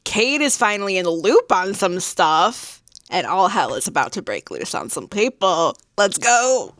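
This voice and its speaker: A woman's voice: mid-range voice, very animated, measured pace, fairly bright tone, dry recording, studio quality. A woman and mother vlogging casual reactions to her reading, talking emphatically and exclaiming straight to her viewers. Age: adult mother. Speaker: book vlogger.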